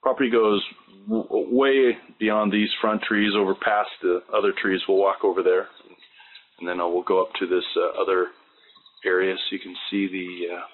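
This real estate agent walks through a house and its grounds, his steady, low voice moving at a moderate pace. He talks plainly and without hurry, full of fillers, recorded on a handheld camera mic that sounds thin and phone-like with a little noise.

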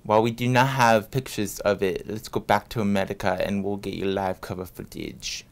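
A man playing a halting, formal male news anchor reading a bulletin. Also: fairly low pitch, steady tone, vocal fry. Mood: announcing. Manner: halting, formal newsreader delivery with restarts.

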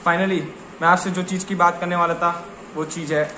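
Bright and forceful, the high voice of this young vlogger stays level at a moderate pace. He chats casually to camera in slangy, repetitive Hindi-English, first in a small living room and later on open ground outdoors. Expect roomy echo and clearly audible background noise.

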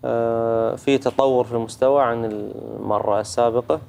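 A man's voice: mid-range voice, flat delivery, moderate pace, creaky, a little mellow, slight background noise. A man with a Gulf Arabic accent giving a reciter patient feedback on recitation rules, demonstrating sounds and checking in often. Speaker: Quran recitation judge. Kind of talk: tajweed teaching feedback.

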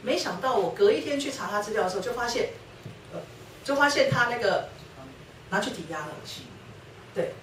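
A woman's voice: on the high side, animated, fairly quick, pauses often. Woman, telling her story in an echoey hall. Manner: storytelling, acting out quoted dialogue. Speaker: guest speaker sharing her testimony with her husband. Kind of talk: personal testimony talk at a church lecture. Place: church lecture hall. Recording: roomy hall, distant mic, faint noise.

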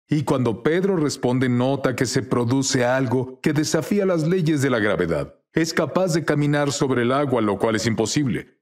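A man as the guest minister in a dubbed interview, telling testimonies earnestly and acting out quoted dialogue. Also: medium pitch.

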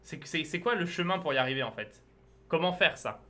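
A man's voice: fairly high pitch, expressive, a little fast, pushed and bright. A young man co-hosting a chess stream in casual, teasing chat, often repeating himself. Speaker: chess show co-host. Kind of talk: casual chat, interviewing and bantering.

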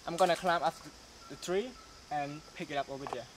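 A young man from Cambodia with a Khmer accent, speaking simple, halting English as he hosts a casual foraging vlog outdoors. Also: fairly high pitch. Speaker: vlogger. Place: outdoors in a forest. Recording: loud insect noise outdoors. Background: insects and forest ambience.

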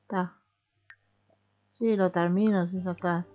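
A woman's voice: fairly low pitch, fairly even intonation, measured pace, warm tone, soft background music. A young woman with a Rioplatense Spanish accent, chatting casually as she plays a life simulation game and talks to the characters. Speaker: gaming streamer. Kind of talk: casual gameplay commentary.

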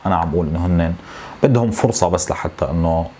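A man in his thirties with a Syrian Arabic accent, venting to camera in a frustrated, complaining way, with halting repetitions. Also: low-pitched, dark tone. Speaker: tech YouTuber. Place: small home office, indoors.

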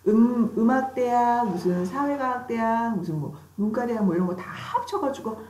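Woman teacher, fairly high, very animated pitch; call-and-repeat drills, playful with students; echoey classroom. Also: normal speed. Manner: playful, teasing questions to students. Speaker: English teacher. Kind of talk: classroom English vocabulary lesson.

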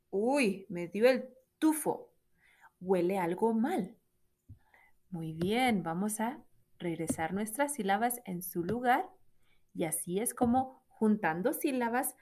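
A woman teaching a children's phonics lesson, stretching out syllables slowly for young learners to repeat. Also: medium pitch, a little mellow.

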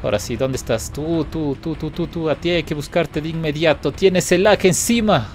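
A man giving playful, taunting live commentary while playing a game, now and then breaking into excited laughter. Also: on the high side, moderate pace, soft background music. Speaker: gaming video host.

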